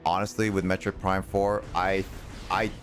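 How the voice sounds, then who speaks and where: A deep-voiced young man talks over faint game music as he streams. His commentary is casual and rambling, full of hesitant thinking aloud. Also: little pitch movement, moderate pace. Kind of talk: casual live gameplay commentary.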